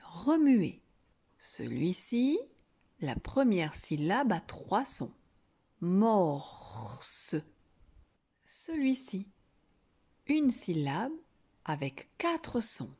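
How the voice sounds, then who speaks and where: A woman teacher giving a reading lesson to young children, slowly sounding out syllables and words. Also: medium pitch, sing-song, dark tone, husky. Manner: slow, drawn-out sounding of syllables.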